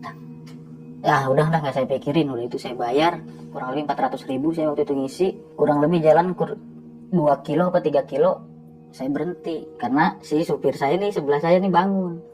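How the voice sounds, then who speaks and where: A man who drives trucks, telling a story casually and animatedly, with quick asides to the listener. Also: a little high, steady tone, darkish tone, soft background music, rough recording.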